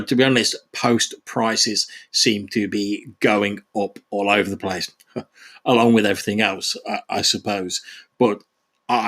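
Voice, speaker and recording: A man leaving a voicemail for a podcast host as a listener, talking in a relaxed, friendly way with small hesitations. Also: lowish voice, breathy edge.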